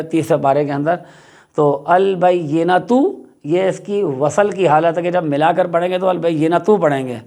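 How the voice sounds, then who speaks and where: A man teaching Quran recitation rules, explaining slowly and repeating example words. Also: a little high, gravelly, a little mellow. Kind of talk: tajweed lesson.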